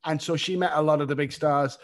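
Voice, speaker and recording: A middle-aged man hosting a casual chat over a video call, eager and chatty and quick to laugh. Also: fairly high pitch, fairly even intonation. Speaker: host. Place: home room, indoors.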